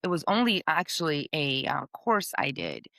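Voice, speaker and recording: A woman's voice: sits low, huge pitch swings, moderate pace, vocal fry, sharp tone, no room sound. A middle-aged woman from Portugal, chatting upbeat as a guest on a podcast, with many fillers. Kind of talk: casual interview talk.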